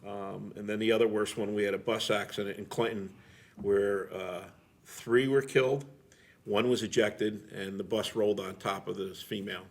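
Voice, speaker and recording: With a lowish voice and steady tone, the middle-aged man keeps a moderate pace. He's an interview guest and longtime firefighter who tells his stories in a rambling, down-to-earth manner, often reaching for fillers.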